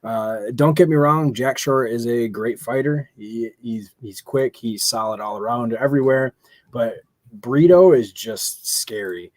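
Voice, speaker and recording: A man co-hosts a casual sports betting podcast in a relaxed, slightly halting way. The sound is dry and close, with no room around him. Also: medium pitch, no echo. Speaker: podcast co-host.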